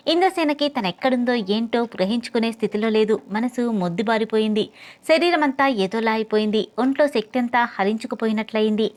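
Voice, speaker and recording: Woman reading a novel out loud, steady and expressive, fairly high voice. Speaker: audiobook narrator. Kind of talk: novel narration.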